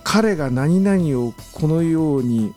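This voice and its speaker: A male lecturer explains business phrases on the radio in an easygoing way, full of fillers. His tone is mellow and dark, but his pitch moves a lot. Faint music sits under the studio sound. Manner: relaxed, many fillers, slow careful English examples. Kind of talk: radio lesson chat.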